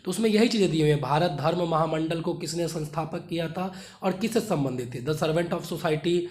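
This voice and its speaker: A man's voice: fairly high pitch, normal speed, a little mellow, echoey room. A man teaching exam students which chapters to study, repeating points and checking in with short tag questions. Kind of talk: study guidance lesson.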